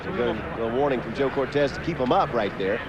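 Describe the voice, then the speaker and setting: A man's voice: medium pitch, fairly quick. A man giving live play-by-play boxing commentary from ringside. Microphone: ringside broadcast microphone. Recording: loud arena noise behind ringside voice.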